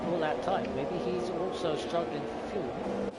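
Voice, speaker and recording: High-voiced man co-commentating a sim race. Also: fairly even intonation, a little slow. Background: racing game engine noise.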